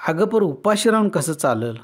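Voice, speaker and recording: A man voicing a weary rural husband who grumbles loudly in rustic village speech but is soft-hearted underneath. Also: high voice, sing-song, normal speed, voice pushed up. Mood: exasperated.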